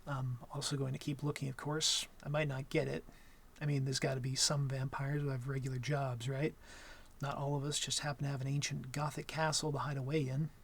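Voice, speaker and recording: A man plays a shy, awkward young vampire in an intimate ASMR roleplay, smitten and gentle, speaking softly and hesitantly with stammers and apologies. His medium-pitched, husky voice moves briskly despite a flat delivery. He comes across as nervous and earnest.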